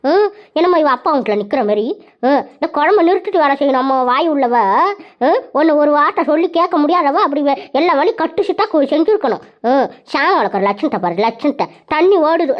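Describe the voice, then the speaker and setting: A woman voicing a nagging middle-aged mother-in-law in a cartoon, scolding fast, on a dull lo-fi recording. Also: high voice.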